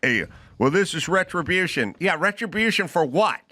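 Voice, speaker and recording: A man's voice: high voice, lively intonation, normal speed, bright, forceful tone. A middle-aged man hosting a podcast, delivering an opinionated comedic rant and acting out both sides of imagined exchanges. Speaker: podcast host.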